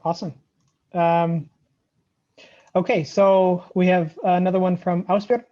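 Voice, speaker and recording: A woman's voice: fairly low pitch, level tone, a little slow, dark tone. Woman moderator on dull call audio. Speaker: webinar moderator. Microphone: video call.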